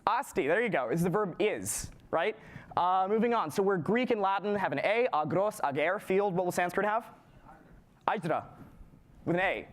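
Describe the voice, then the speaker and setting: High-voiced young man lecturing a class. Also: moderate pace. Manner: energetic, casual, keeps asking "right?" and quizzing the audience. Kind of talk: live classroom lecture on historical linguistics. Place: lecture room with an audience.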